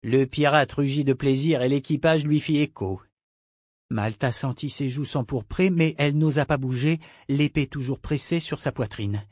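A man narrating an adventure audiobook in a measured, expressive reading. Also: medium pitch, no room sound, clean studio sound. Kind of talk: scripted narration.

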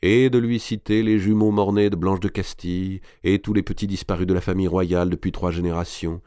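Male audiobook narrator, very low voice, dry close sound, measured novel reading. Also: little pitch movement, dark tone, clean tone, no room sound. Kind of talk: scripted narration of a historical novel.

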